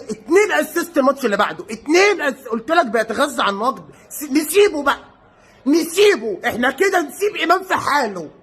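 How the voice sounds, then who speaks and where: A young Egyptian man with an Egyptian Arabic accent, reacting to a football match in a mocking, joking way and shouting at times. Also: extremely high pitch, husky. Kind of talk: excited match reaction commentary.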